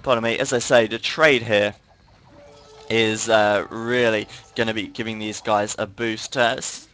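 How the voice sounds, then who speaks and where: A man's voice: lowish voice, steady tone, unhurried, fairly bright tone, clean tone, poor audio. A tired man giving live play-by-play commentary on a strategy game, with frequent fillers. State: tired, yawning.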